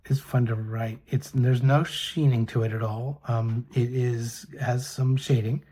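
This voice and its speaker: Mellow, husky-voiced man reviewing pens. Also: mid-range voice, level tone, a little slow. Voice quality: soft-spoken, hesitant with fillers and restarts. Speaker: pen and ink reviewer. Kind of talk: casual show-and-tell review.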